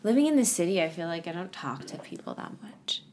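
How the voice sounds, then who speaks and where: A woman's voice: lowish voice, big pitch swings, fast, darkish tone, a little hiss or hum. A woman co-hosting a podcast in casual chat, giggly and playful in her back-and-forth. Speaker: podcast co-host.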